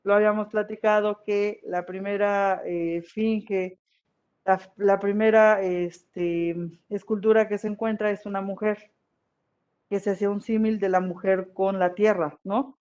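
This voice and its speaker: A history teacher gives a chatty lecture to an online class and keeps checking whether the students are following. The voice sits at a middle pitch. The audio is dull and lo-fi. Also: little pitch movement, unhurried, darkish tone, smooth. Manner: conversational, often checks in with the class.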